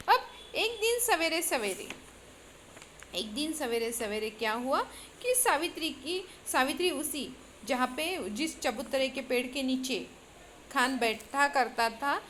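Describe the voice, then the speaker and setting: A woman's voice: sits high, bright, forceful tone, slight background noise. A woman teacher retelling a story to students, often repeating herself and explaining words as she goes.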